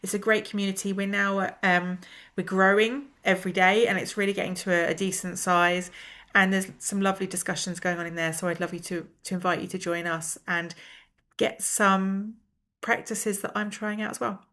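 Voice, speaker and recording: A middle-aged woman with a blocked, nasal voice, sounding unwell and tired as she talks casually and reflectively to viewers with soft, low energy. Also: flat delivery, moderate pace. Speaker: personal development coach and video host.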